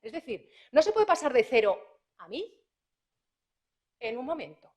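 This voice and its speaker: A woman prosecutor, giving a conference talk to parents in a lively, anecdotal way, acting out dialogues as she goes. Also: sits high, normal speed, highs cut off.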